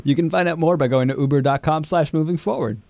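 A man's voice: fairly high pitch, fast, creaky, darkish tone, no room sound. A man hosting a podcast in a conversational, scripted narrating style. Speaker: podcast host.

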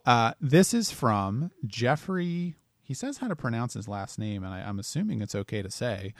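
A man's voice: medium pitch, expressive, moderate pace, dry recording, studio quality. A man co-hosting a casual podcast, chatting plainly and reading out listener reviews. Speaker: podcast co-host.

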